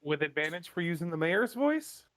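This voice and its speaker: A man with a slightly high voice takes part in a tabletop game. He talks casually and tentatively, ready to back down. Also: very animated, moderate pace, fairly bright tone.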